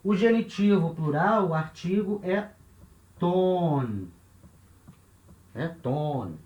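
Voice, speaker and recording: Standing at a board, a high-voiced man with a Brazilian Portuguese accent walks through a grammar lesson in an expressive but measured way, patiently going back over important points and checking that listeners follow. The audio sounds dull and carries a roomy echo.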